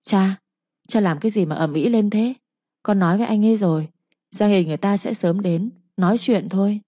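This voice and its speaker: A woman voicing a stubborn, pleading young village daughter in a told story, her voice raised and higher. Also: a little fast, mellow, slightly rough, no echo, natural voice. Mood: defiant pleading. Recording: dull lo-fi recording.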